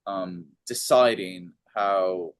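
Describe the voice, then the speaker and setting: A man with a fairly low voice talks philosophy in a relaxed podcast chat. He hesitates often, filling gaps with ums and restarting phrases as he works out his thoughts. The sound is dry and close, with almost no room echo. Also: drawn-out words. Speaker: podcast co-host. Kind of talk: casual philosophical discussion.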